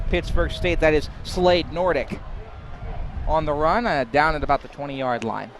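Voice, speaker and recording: Excitable young man calling college football. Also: a little high, moderate pace, slight background noise. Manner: excitable, rises to shouts on big plays, some stumbles. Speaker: play-by-play commentator. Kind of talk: live college football play-by-play.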